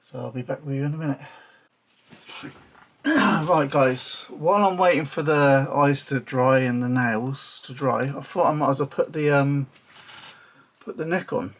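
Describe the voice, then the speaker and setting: A man's voice: medium pitch, measured pace. A man talking casually through a figure-painting tutorial at his workbench, muttering to himself as he works and holding his breath over the fiddly bits. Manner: chatty, muttering to himself while working. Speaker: hobbyist toy customizer.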